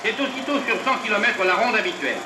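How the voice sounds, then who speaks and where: A man giving scripted 1950s French newsreel sports commentary in the brisk announcing manner of an old newsreel narrator. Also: high-pitched, lively intonation. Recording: noisy, echoey, distant 1950s newsreel soundtrack.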